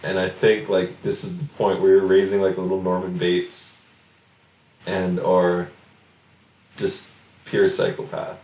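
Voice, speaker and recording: Man, podcast co-host, low voice, casual hesitant chat, roomy echo. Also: monotone, a little slow, pauses often, darkish tone. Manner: hesitant, full of "like" fillers.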